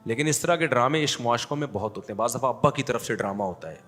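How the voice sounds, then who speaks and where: A male religious scholar delivering a sermon as lively, joking storytelling. His voice sits at an ordinary middle pitch. It rings with a long hall reverb over faint background music.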